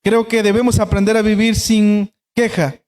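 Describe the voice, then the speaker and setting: A man's voice: high-pitched, little pitch movement, normal speed, darkish tone, in a large hall. A man preaching a sermon as pastor, asking his congregation rhetorical questions. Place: church.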